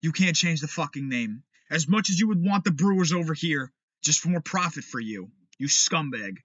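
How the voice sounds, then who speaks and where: A man hosting a sports podcast, ranting angrily and with lots of cursing, dropping to low mutters and then rising to shouts. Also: animated, moderate pace, dry recording. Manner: angry, profane, swings from low mutters to shouting. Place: home room. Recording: dull, lo-fi home recording.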